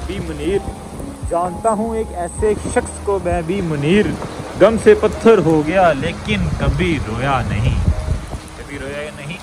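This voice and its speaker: A young man in his twenties with a somewhat high voice talks softly into a phone held at arm's length. He muses and recites verses slowly while sheltering outdoors in the rain at night. Loud music plays over the whole recording. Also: poor audio. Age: 20s. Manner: soft-spoken, musing, recites verses slowly. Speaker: vlogger. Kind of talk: casual vlog chat with recited poetry.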